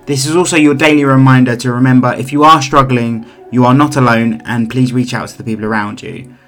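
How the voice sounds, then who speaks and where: A man's voice: mid-range voice, steady tone, fairly quick, a bit bright. A man reading a scripted introduction as the host of a podcast. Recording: faint music behind the voice.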